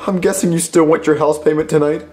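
A man's voice: a little high, fairly even intonation, fast talker, a little mellow, echoey room, faint music behind, lightly acted. A man voicing a nervous, broke adult man in a comedy puppet show who stammers and pleads constantly. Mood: pleading.

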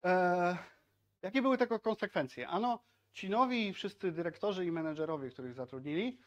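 Man, 30s, meetup tech talk, fairly high voice, chatty with lots of fillers. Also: moderate pace, lo-fi sound. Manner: conversational, frequent filler "tak?" and "e". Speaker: software team speaker at a tech meetup. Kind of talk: casual conference talk. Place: meetup room in front of projected slides.

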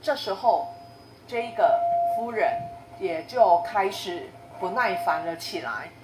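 A woman's voice: on the low side, lively intonation, slow pace. A woman Buddhist teacher retelling a scripture story in a casual way, with many fillers and repeats. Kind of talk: storytelling dharma talk. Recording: roomy echo, faint noise.

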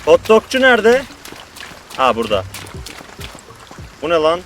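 A man giving profane, excitable gameplay commentary to his viewers as a streamer. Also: on the high side, a little slow, over music.

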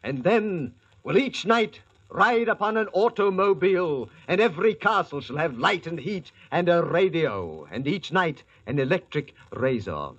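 A man's voice: on the high side, very animated, measured pace, few pauses, fairly bright tone, husky, heavily acted. An actor playing a grand, naive medieval king with pompous archaic diction in an old radio play. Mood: eager. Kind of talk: 1940s radio acting. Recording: dull, noisy old radio recording.

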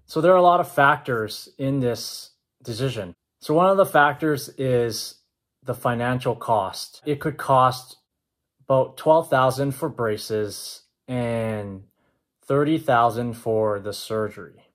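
A man in a measured, matter-of-fact vlog style. His voice is mid-pitched. He talks to a camera about an arm's length away, indoors at home. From Canada. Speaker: vlogger. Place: indoors, open-plan home with kitchen and stairs.

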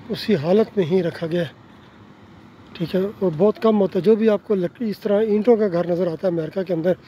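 Walking down a quiet residential street with a phone camera in hand, a high-voiced Pakistani travel vlogger with an Urdu accent narrates politely and without hurry, often saying "ji" and "theek hai na" as he points out houses. The audio is dull, with slight background noise.

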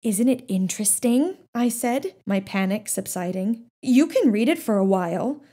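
A woman narrating a children's novel in the first person with a steady, gently expressive reading. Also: a little high, moderate pace, breathy edge. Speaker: audiobook narrator.

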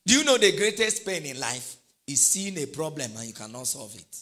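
A man's voice: on the high side, sing-song, fairly quick, bright, forceful tone. A middle-aged man preaching a sermon, quizzing his congregation with call-and-response questions. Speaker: pastor.

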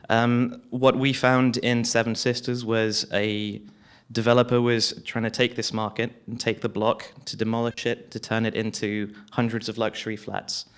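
On a panel in a small hall, a young community campaigner from London speaks into a handheld mic, hesitating and restarting often. His mid-range voice is clean and level, at a moderate pace with few pauses.

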